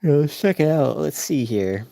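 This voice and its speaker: A man's voice: fairly high pitch, normal speed, gravelly, no echo. A man casually thinking aloud as he draws on a live stream. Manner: relaxed, musing aloud. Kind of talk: casual commentary while drawing.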